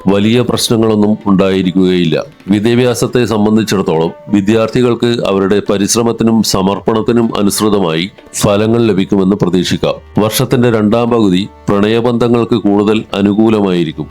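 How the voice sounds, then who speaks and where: A man giving a scripted horoscope narration in an even, formal reading voice. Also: on the low side, normal speed. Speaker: astrology narrator. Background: soft instrumental music.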